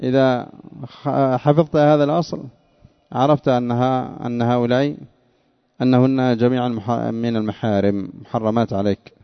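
A man gives a religious lesson in a steady middle voice, restating each point and putting questions to his listeners. The recording is dull and lo-fi with a dry, close sound. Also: mid-range voice, smooth, no echo. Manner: deliberate, repeats and restates points, quizzes listeners. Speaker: religious teacher. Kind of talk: classroom lesson explaining scripture.

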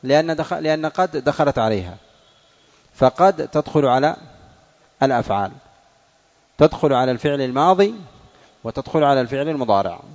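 A man's voice: medium pitch, lively intonation, a little fast, pauses often, darkish tone, big-room sound, dull audio. A male teacher giving a classroom grammar lesson, quizzing pupils and repeating their answers.

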